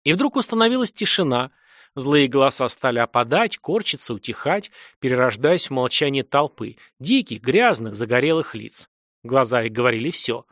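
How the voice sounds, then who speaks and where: A man reading a dark fantasy audiobook in a dramatic, swelling narration. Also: mid-range voice, big pitch swings, normal speed, no room sound, studio quality.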